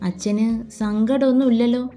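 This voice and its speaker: A woman's voice: fairly high pitch, steady tone, normal speed, warm tone, faint music behind, natural voice. A woman voicing a bashful, playful young bride who pouts and protests. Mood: shy, pouting. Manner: pouting, bashful.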